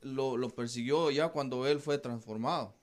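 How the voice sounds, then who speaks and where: A man's voice: medium pitch, normal speed. A man hosting a Bible discussion program on the radio, preaching emphatically and repeating his key points. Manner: emphatic, repeats key phrases, addresses listeners as brothers.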